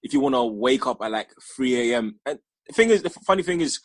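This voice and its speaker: A man's voice: mid-range voice, big pitch swings, quick pace, gravelly, dry recording. A young man from Ghana, a filmmaker being interviewed, talking in a loose, rambling way with frequent restarts. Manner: rambling, restarts often, laughs easily. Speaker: filmmaker guest. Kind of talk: casual interview chat.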